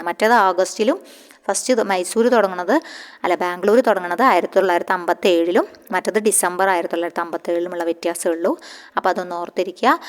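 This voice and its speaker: A woman coaching students for a clerk exam, asking questions and answering them herself, often repeating the key answers. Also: fairly low pitch. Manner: repeats key answers, asks and answers own questions, ends with "kettō". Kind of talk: exam-prep lecture. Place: the Malayalam-speaking region of India.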